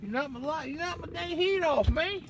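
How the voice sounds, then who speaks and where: Night fishing from a lakeside camp, a worn-out, sleepy fishing vlogger keeps up casual running talk to the camera in a very high, lively voice at a moderate pace. He drawls and banters with the fish in a folksy, half-mocking, half-fond way. The recording is noisy, with lake and outdoor sounds clear behind him.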